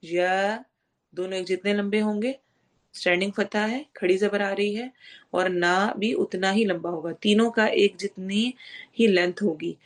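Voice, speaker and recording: A woman leads a tajweed lesson, pitched in an ordinary middle range. She draws out each verse slowly and carefully. Between recitations she breaks down pronunciation rules one step at a time. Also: steady tone. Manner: slow, drawn-out recitation between explanations. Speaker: Quran recitation teacher.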